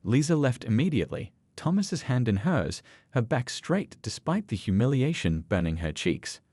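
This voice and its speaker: A man narrating a scripted story in a measured, expressive way. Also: mid-range voice, husky, no room sound.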